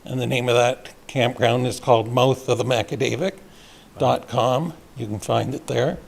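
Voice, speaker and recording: Gravelly man speaking at public comment. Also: medium pitch, steady tone, normal speed. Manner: plain, matter-of-fact. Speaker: member of the public addressing council. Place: council chamber.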